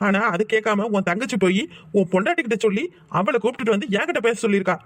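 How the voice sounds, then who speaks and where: A man voicing an earnest, self-sacrificing young man in a cartoon who speaks calmly and reasons from the heart. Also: high voice, racing, no room sound. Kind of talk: cartoon voice acting.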